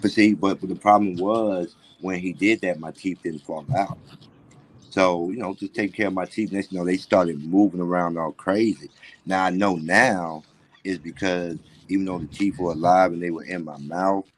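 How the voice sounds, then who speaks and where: A middle-aged man with a low voice and the soft slur of missing front teeth. He chats candidly, telling personal stories in a casual, conversational way. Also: steady tone, moderate pace, a little hiss or hum. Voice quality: toothless, slightly slurred speech from missing front teeth. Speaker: call-in guest on a livestream.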